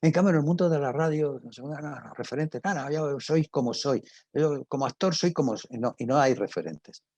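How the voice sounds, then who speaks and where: An older man with an accent from Spain, a radio drama professor here as a guest speaker, gives a loose talk and responds to questions. He sounds husky, halting and emphatic, repeating himself often, in a mid-range, slightly mellow voice. No room sound is audible.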